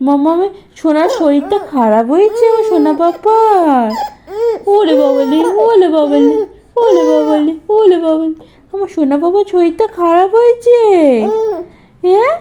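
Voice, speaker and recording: A mother speaking soft, cooing, sing-song baby talk to her sick infant. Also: very high voice, lively intonation, normal speed, a crowd in the background.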